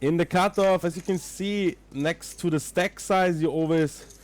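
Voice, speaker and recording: This young Austrian's voice sits high and moves at a measured pace as he commentates poker on a livestream and banters with his chat. He speaks English as a non-native with an Austrian German accent, sometimes pausing to find words.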